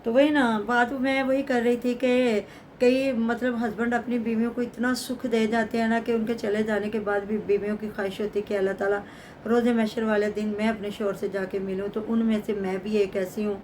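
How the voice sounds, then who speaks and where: A woman's voice: a little high, flat delivery, normal speed, darkish tone. A middle-aged woman talks through a casual vlog commentary. She is chatty and pious and often adds blessings. A faint hiss sits under her voice. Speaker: vlogger.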